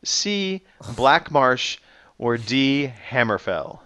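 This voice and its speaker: Bright, lively podcast host man. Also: medium pitch, very slow, smooth, dry recording. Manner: teasing, playful quizmaster. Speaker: podcast host running a quiz. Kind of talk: casual podcast chat.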